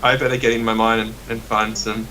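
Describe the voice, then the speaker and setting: A man's voice: on the low side, flat delivery, a little fast, sharp tone. A man chatting casually with friends while playing a game. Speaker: gamer. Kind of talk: casual gaming banter. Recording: distant mic with faint noise.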